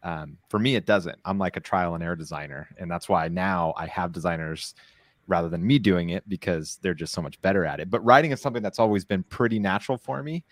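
A man who makes products, talking in a relaxed, reflective way in a casual panel chat. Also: low-pitched, fast talker, no room sound. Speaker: product maker.

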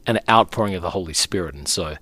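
A man in his forties speaks with an Australian accent in a notably deep voice. He is a guest pastor, telling his own story in a conversational interview. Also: fast, sharp tone. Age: 40s.

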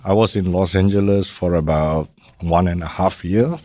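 A man from Malaysia with a very low, deep voice speaks in a measured, conversational way. He often pauses to find his words and tags his sentences with "right?". The recording is dry and close, with little room sound. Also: dark tone, no room sound. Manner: measured, uses fillers like "how you say" and "right?". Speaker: guest, maritime safety executive. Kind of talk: conversational interview.

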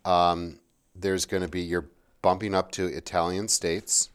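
A man's voice: deep voice, flat delivery, measured pace, smooth. A man in a casual history chat, rambling and checking in with his partner as he goes.

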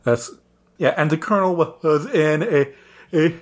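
A man hosting a casual podcast, pitching his story characters with many pauses and fillers. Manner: animated, halting, with many fillers. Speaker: podcast host presenting his story idea. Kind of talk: casual chat.

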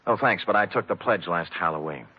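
A man's voice: low voice, brisk, husky, dry recording. An actor playing a dry, wisecracking private detective who narrates his own case in an old radio drama. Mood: wry. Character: wry hard-boiled male private detective narrating. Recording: dull old radio broadcast with music.

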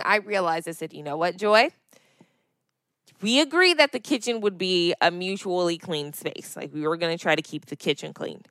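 Animated woman telling a story, dry sound. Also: medium pitch, no room sound. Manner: animated storytelling, emphatic and exasperated. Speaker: podcast co-host. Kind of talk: casual chat.

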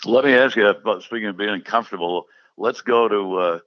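A podcast host interviewing two guests, reworking his questions as he asks them. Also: lowish voice. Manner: halting, reworks his questions mid-sentence. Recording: slightly muffled audio.

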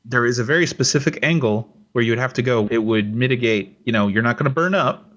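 A man's voice: medium pitch, fast talker, a bit bright, dull audio. A man co-hosting a podcast in casual chat, rambling with restarts and fillers. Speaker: podcast co-host.

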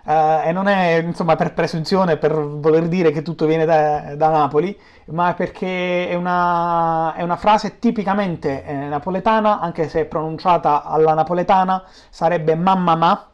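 Higher-voiced Neapolitan man explaining, slightly dull audio. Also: fairly even intonation, moderate pace, few pauses. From Naples, Italy. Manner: didactic, explains with examples. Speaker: guest explaining the Neapolitan language. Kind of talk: informal explanatory interview talk.

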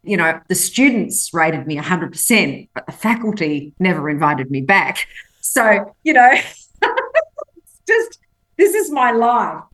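Speaking slowly in a lowish, slightly bright voice, a very animated woman appears as a guest on a podcast interview. English is not her native language, and she recounts personal stories emphatically in a chatty way, performing the quotes as she goes.

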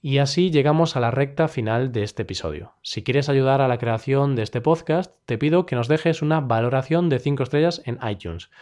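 A man from Spain with a Spanish accent, hosting a daily podcast that teaches Spanish expressions, with clear, measured delivery and a light touch of humor. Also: medium pitch, lively intonation, darkish tone. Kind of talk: scripted explanatory podcast lesson.

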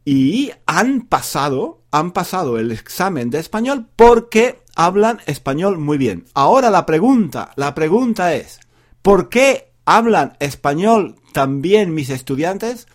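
A man, a university Spanish teacher, talking slowly and repeating each phrase for learners in a playful, joking way. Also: a little high. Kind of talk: slow, repetitive Spanish practice monologue for learners.

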